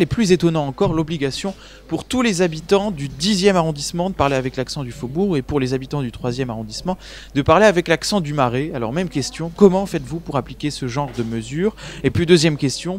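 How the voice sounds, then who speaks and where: A male interviewer reading scripted questions in a measured way. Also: a little high, a little mellow, slight background noise.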